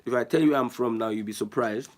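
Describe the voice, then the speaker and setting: A man's voice: medium pitch, quick pace. A Nigerian man hosting an online show, giving emphatic, repetitive political commentary and reading viewer comments. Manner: emphatic, repeats phrases, restarts often.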